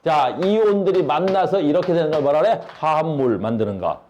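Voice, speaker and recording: A man's voice: on the high side, expressive, a little fast, darkish tone, highs cut off, slight background noise. A male science teacher giving a classroom lecture, blunt and slangy, asking his students questions all the time.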